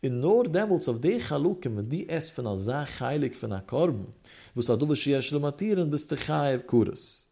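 A man's voice: a little high, animated, normal speed, gravelly, dark tone. A man giving a Torah lesson in a singsong study-hall cadence, with Hebrew terms mixed into his speech. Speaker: Torah teacher. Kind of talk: Yiddish-inflected Talmud lecture.

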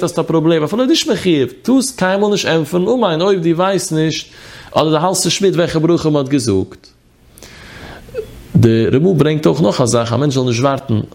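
A man's voice: a little high, darkish tone. A man giving a lesson on religious law, explaining steadily and mixing study terms into his speech. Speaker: religious teacher.

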